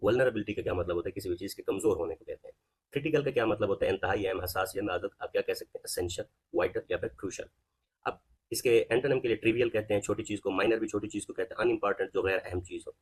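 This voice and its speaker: A man's voice: low voice, breathy edge. A man with a Pakistani Urdu accent giving a vocabulary lesson, explaining each word and then asking what it means. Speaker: teacher.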